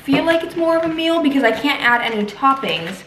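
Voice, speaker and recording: A woman with a fairly high voice talks casually through her food while recovering from having her wisdom teeth out. She sounds like a home vlogger in a clearly echoey room, with faint noise behind her. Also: lively intonation, a little fast. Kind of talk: casual chat to camera, narrating meals.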